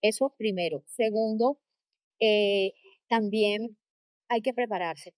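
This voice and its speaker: This corporate trainer and coach, a costeño-accented woman from the Caribbean coast of Colombia, gives conversational interview answers full of anecdotes. Emphatic and expressive, she stacks up repeated phrases to make her case. She speaks slowly at medium pitch, with no echo.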